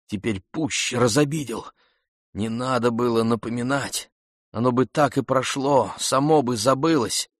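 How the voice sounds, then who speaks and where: A man reading the part of a timid, gentle gentleman in a storybook, speaking softly and pleadingly. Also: mid-range voice, slightly rough, no room sound, studio quality. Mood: glum. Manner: soft, hushed and pleading.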